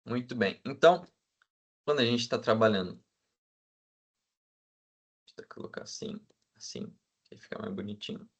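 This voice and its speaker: A man teaching a class, checking in with the students all the time and filling pauses with hesitant sounds. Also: fairly low pitch, animated, gravelly, husky. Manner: asks the class for agreement constantly; fills with "né?" and hesitant "é". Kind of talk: classroom lecture.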